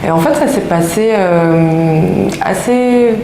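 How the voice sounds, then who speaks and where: A woman in her thirties from France talks as an interview guest, pausing often on fillers. Her voice sits a little low. The recording is roomy, with faint ambience behind her. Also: background noise. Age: 30s. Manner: hesitant, many fillers. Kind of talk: casual interview.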